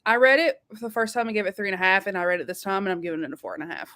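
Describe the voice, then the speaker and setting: A woman's voice: medium pitch, expressive, racing, sharp tone. A woman hosting a casual book discussion, chatty and laughing, talking while eating. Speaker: booktube host. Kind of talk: casual chat.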